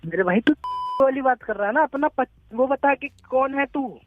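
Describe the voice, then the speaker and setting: Annoyed male call target over a phone line, very high voice, keeps demanding who's calling, gets shouty. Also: lively intonation, normal speed.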